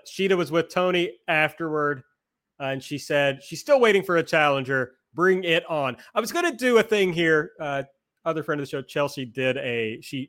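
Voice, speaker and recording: Bright-voiced sarcastic male podcast host. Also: on the high side. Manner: sarcastic, joking. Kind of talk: casual chat.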